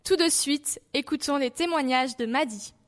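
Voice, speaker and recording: A woman's voice: high voice, moderate pace. A woman presenting a school radio show, announcing the next segment in a scripted way. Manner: clear, announcing tone.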